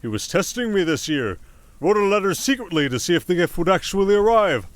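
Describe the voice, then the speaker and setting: A man playing a kindly, fatherly old Santa Claus who gently chides and chuckles in an ASMR roleplay. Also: high voice, very animated, brisk, no room sound. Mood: warm, wise.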